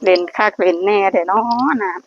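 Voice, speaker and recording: A brisk woman with a mid-range voice and an Isan (Northeastern Thai) accent vlogs from temple grounds, guiding viewers in lottery luck prayers. Her talk is casual and full of blessings, and she earnestly calls her viewers brothers and sisters. The recording is dull and lo-fi with faint noise.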